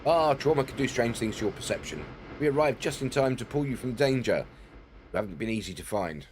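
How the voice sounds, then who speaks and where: A man voicing a courteous Imperial officer from a space game, formal, measured and reassuring. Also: medium pitch, big pitch swings, darkish tone, a little hiss or hum, natural voice.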